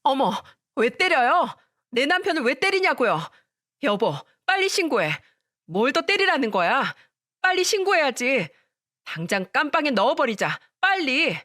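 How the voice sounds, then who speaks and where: A woman's voice: very animated, normal speed, a bit bright, dry recording, studio quality. A woman voicing a haughty young wife of a judge who mocks and threatens her sister-in-law in a storytelling radio drama. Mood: shrill. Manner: mocking, shrill and bossy.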